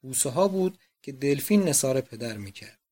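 A man narrating a literary audiobook in a measured, expressive reading voice. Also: mid-range voice, breathy edge.

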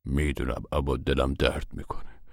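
A tired, heartsick uncle a very deep voice with a rough, gravelly texture. He speaks slowly and heavily in a radio drama, and the recording is close and dry. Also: level tone, no echo. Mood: glum. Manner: slow, heavy, gravelly. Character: weary middle-aged man, sick at heart, gloomy.

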